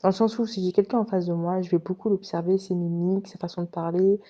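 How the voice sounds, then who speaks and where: A woman's voice: on the low side, fairly even intonation, quick pace, mellow, lo-fi sound. A woman casually telling a personal story to her viewers, chatty and direct. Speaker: vlogger recounting her past.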